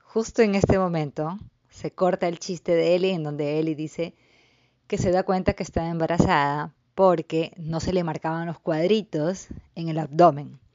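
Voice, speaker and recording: A woman's voice: deep voice, steady tone, moderate pace, darkish tone, dry recording, dull audio. A woman hosting a casual chat who also narrates a recap and reacts expressively. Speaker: host.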